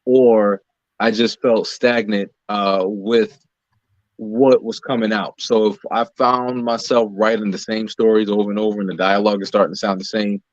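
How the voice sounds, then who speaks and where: In a lowish, flat voice at a moderate pace, an American man explains things conversationally while being interviewed about his work as a playwright and producer. The lo-fi recording sounds dull and echoes around the room.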